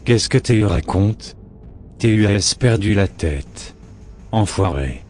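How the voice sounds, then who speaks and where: A man's voice: fairly low pitch, lively intonation, takes it slowly, a little mellow, soft background music. A man voicing a frightened, grieving father in a horror story reading, distraught and pleading. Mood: anguished.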